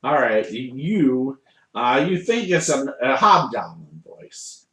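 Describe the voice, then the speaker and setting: A man running a tabletop game as game master, improvising narration haltingly as he searches for words. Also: medium pitch, very animated, background noise. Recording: echoey room.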